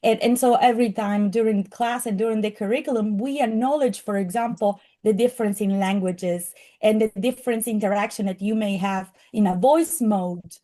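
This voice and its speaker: A middle-aged woman with a strong Italian accent presents her program in earnest, working through frequent fillers and restarts. Her voice is mellow and soft-edged, sitting at a middle pitch. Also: normal speed, few pauses. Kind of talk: presentation to an audience.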